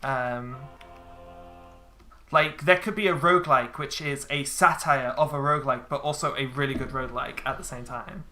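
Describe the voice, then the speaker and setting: A woman streaming a game, chatting casually with a friend, swearing freely and filling pauses with ums. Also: rumbling low, fairly even intonation, pushed and bright, soft background music. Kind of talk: casual chat while gaming.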